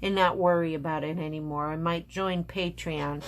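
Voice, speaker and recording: A woman's voice: sits low, steady tone, normal speed, a little hiss or hum. An American woman hosting a craft vlog, talking casually and rambling with many ums and restarts, sounding frustrated at times. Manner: frustrated, complaining. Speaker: craft channel host.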